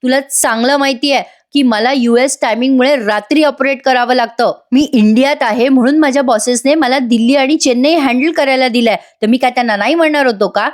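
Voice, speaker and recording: A defensive young husband who answers suspicion with indignation and a raised voice, read out by a woman. The voice sits rather high and stays close to her own. He sounds like a man from a retold TV serial, quick to shout and keen to seem wronged. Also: natural voice.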